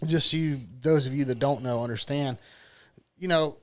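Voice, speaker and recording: A man's voice: medium pitch, normal speed. A man with an Ohio accent co-hosting a podcast, joking and rambling with restarts in casual chat. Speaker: podcast co-host.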